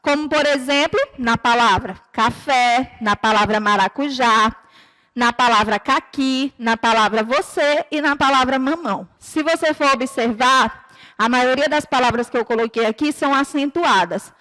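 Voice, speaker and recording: A Brazilian woman teacher giving a recorded lesson to children, explaining patiently and clearly and drawing out her example words. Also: high-pitched, moderate pace, sharp tone, in a large hall. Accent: Brazilian Portuguese. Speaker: primary school teacher.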